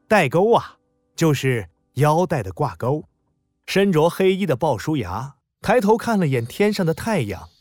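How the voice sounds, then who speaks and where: Expressive man telling a children's story. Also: a little high, dry recording. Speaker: narrator.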